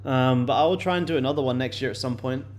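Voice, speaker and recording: Medium-pitched and fast, a man in his late twenties chats loosely on his day-trading livestream, answering viewers with lots of fillers and repeated words.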